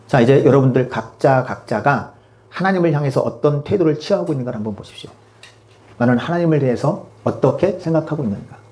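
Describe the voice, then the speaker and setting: A man's voice: mid-range voice, animated, fast, warm tone. A man preaching a sermon as pastor, emphatic and full of rhetorical questions to the congregation.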